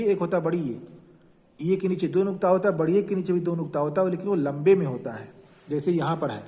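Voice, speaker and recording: A man's voice: fairly high pitch, a little mellow, big-room sound. A man teaching a grammar lesson, explaining patiently and repeating each example as he points to the text. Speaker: Urdu teacher.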